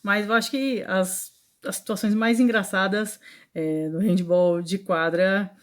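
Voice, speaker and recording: A woman handball referee telling anecdotes in an interview, lively and full of restarts and asides. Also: mid-range voice, unhurried.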